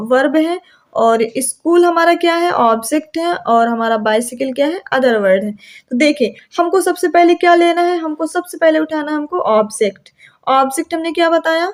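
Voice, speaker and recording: A young woman teaching an English grammar lesson, asking questions and answering them herself, stretching out her example sentences slowly. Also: sits high.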